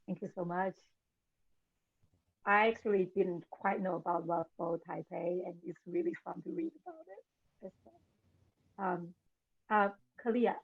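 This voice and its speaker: Husky woman moderating over a thin line. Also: on the low side, measured pace, long pauses, dry recording. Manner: brief, thankful introductions. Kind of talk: panel moderation on a video call. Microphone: video call. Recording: dry, phone-like audio.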